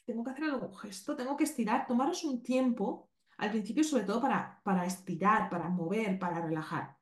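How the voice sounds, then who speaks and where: A woman's voice: mid-range voice, darkish tone. A woman with a Spanish accent from Spain, teaching a podcast lesson in an explanatory way and checking in with listeners often. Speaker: animal communication teacher. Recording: roomy echo.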